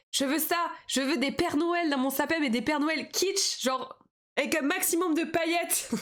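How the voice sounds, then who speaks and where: A bubbly young woman chats casually on a live stream, rambling from topic to topic and laughing often. Her voice sits a little high for a woman.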